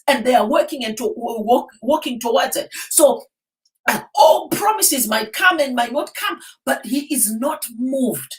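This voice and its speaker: A woman's voice: sits high, distant mic. A woman giving a rousing motivational sermon in an emphatic, rallying manner, repeating phrases for effect. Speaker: motivational preacher addressing a live online audience.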